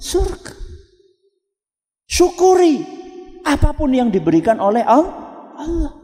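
A man's voice: very high voice, takes it slowly, big-room sound. A man preaching a sermon, telling stories and asking the audience questions. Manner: storytelling, animated, asks the audience questions. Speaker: Islamic preacher. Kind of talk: sermon with call-and-response.

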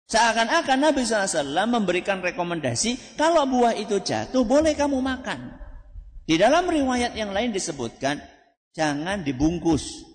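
A man giving a religious lecture as a preacher. He asks the audience questions and answers them himself, and he recites Arabic phrases slowly before explaining them. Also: high voice, sing-song, big-room sound.

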